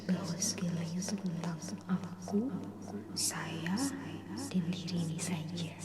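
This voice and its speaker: A woman gives soft ASMR affirmations in a breathy whisper, phrase by phrase with gentle pauses, through a digital echo effect. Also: lowish voice. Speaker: ASMR creator. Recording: echoing, long artificial reverb tail.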